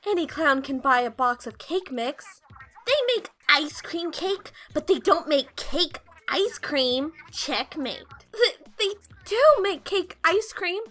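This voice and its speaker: A bubbly young squid pop-idol host from a video game, with a tiny, extremely high voice and bright, sharp tone. The delivery is slangy and teasing, with excitable swings and faint music behind it. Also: female voice, takes it slowly, heavily acted. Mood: teasing, argumentative. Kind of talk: scripted game dialogue, playful banter.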